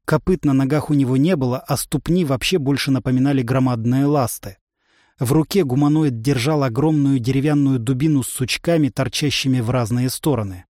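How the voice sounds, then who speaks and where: A man narrating a first-person fantasy story in an even, wry storytelling manner. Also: medium pitch, fairly quick, no room sound, studio quality. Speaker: audiobook narrator.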